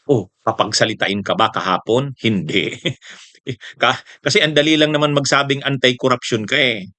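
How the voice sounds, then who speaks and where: A man's voice: medium pitch, moderate pace, sharp tone, no room sound. A man hosting casual political commentary, mocking his targets, chuckling often and throwing tag questions at viewers.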